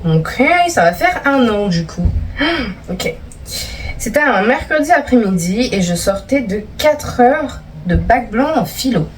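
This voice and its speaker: A woman's voice: on the high side, animated, a little slow, distant mic, slight background noise. A young woman vlogger reading out viewer stories and teasing them in casual, playful chat.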